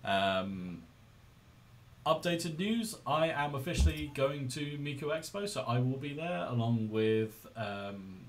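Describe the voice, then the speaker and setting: A man's voice: medium pitch, lively intonation, slow pace, a little hiss or hum. A man hosting a podcast in casual, informal, rambling style, speaking into a laptop's built-in microphone. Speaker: podcast host.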